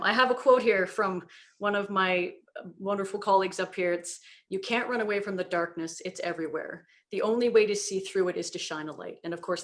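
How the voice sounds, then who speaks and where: A children's book creator on a panel, a woman with a medium-pitched voice, speaks earnestly and steadily. She sounds reflective and often slips in "you know."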